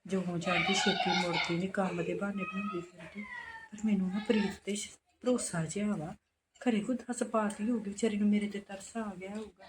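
A woman with a Punjabi accent playing a resentful, sharp-tongued unmarried young woman who answers back with bitter sarcasm, in a village drama. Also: mid-range voice, steady tone, fairly quick, lightly acted. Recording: roomy with background noise.

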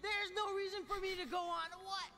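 A man's voice: very high-pitched, little pitch movement, brisk, a little hiss or hum, full character voice. An actor voicing a young male android swordsman in a dubbed game cutscene, crying out a name in grief. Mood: anguished. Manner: shouting a name over and over in grief.

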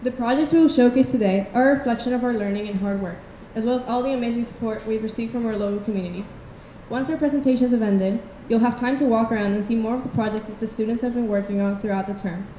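A teenage girl from Venezuela hosts a school showcase, delivering scripted lines quickly in a mellow, slightly high voice. Her handheld mic rings out in an echoey hall over a faint hiss. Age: teens. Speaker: student co-host. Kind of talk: scripted event hosting. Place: large event hall. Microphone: handheld microphone.

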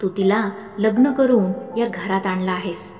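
A woman plays an older mother figure in an audiobook story, coaxing and firm by turns. The delivery is slow and deliberate. The voice echoes in a reverberant room with faint music underneath. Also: medium pitch, darkish tone, close to an everyday voice. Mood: pleading. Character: older mother figure, fond but insistent. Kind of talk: audiobook narration.

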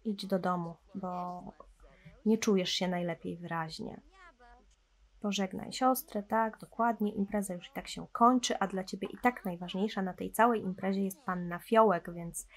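Chatty woman narrating her gameplay. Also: medium pitch. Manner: chatty, talks to viewers and to her game characters. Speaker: gameplay commentator. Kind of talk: casual let's-play commentary.

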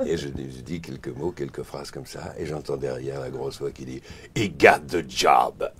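A middle-aged male voice actor and singer, interviewed, telling lively stories and acting out voices. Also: fairly quick, slight background noise. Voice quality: very deep, husky. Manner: lively storyteller, acts out voices.

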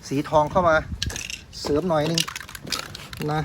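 A man's voice: on the high side, level tone, unhurried. An older man chatting casually as he spray paints outdoors, self-mocking and tagging his lines with polite particles. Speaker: vlog host. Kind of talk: casual how-to commentary. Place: outdoors in windy weather. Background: wind and outdoor ambience.

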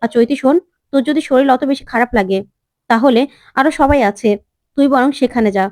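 A woman's voice: high voice, a little fast, darkish tone, dry recording, clean studio sound, natural voice. A woman reading the lines of a stubborn young husband in a retold serial episode, in a firm, insistent way. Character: young man, a new husband, stubborn and protective.

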